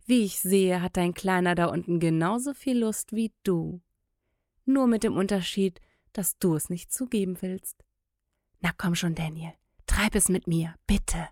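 A woman's voice: on the low side, unhurried, a little mellow, no echo, clean studio sound. Woman reading a teasing, seductive woman. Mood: coaxing. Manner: coaxing, breathy whispers at times. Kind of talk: audiobook character reading.

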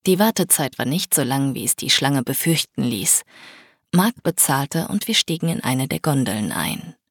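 A woman reads a first-person audiobook in a steady, even storytelling manner. Her voice has a husky, slightly breathy grain. It is recorded dry and close on a studio mic, with no room sound. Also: rumbling low, moderate pace, no echo. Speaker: audiobook narrator. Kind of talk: scripted first-person narration.

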